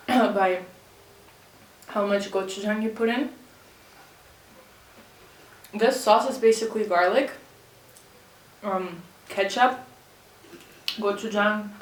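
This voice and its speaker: A woman hosting a mukbang, chatting casually while eating crunchy fried chicken and pausing to chew. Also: medium pitch. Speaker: mukbang host. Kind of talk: casual eating-show chat. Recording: roomy echo, distant mic, faint noise.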